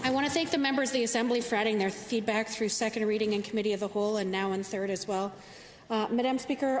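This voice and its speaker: A woman government minister gives an earnest speech on the floor of a legislative chamber, using frequent filler sounds. Her voice is medium-pitched and slightly mellow. Long hall reverb and faint noise fill the recording.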